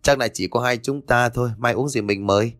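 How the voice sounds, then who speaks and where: A man voicing a relaxed, friendly young man meeting an old school friend. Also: medium pitch, fairly quick, no room sound, studio quality, close to an everyday voice.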